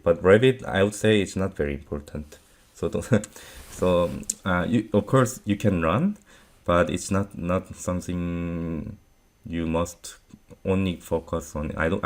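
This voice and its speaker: A man born in Korea, whose first language is Korean, answers viewer questions in a very low, deep voice during an unscripted Q&A advice talk. He talks slowly and hesitantly, pausing on many fillers, and his grammar is loose and non-native.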